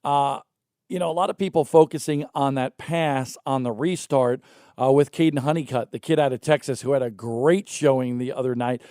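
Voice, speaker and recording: A man's voice: medium pitch, normal speed, darkish tone, no echo, studio quality. A man hosting a casual morning show about racing, chatting and joking with his co-host and a guest driver.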